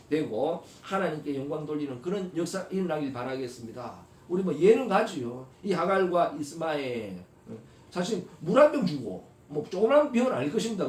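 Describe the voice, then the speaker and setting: A male pastor preaching a sermon, constantly asking the congregation rhetorical questions and swinging between soft asides and loud, emphatic exhortation. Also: high-pitched. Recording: echoey hall, voice from far off.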